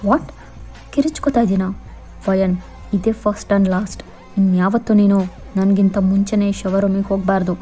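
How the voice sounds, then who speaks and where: Woman doing a bored bossy young husband, brushes everyone off, mellow low-key voice over faint music, fanfic audio story. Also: fairly even intonation, normal speed, long pauses, lightly acted. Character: cold, dismissive young husband.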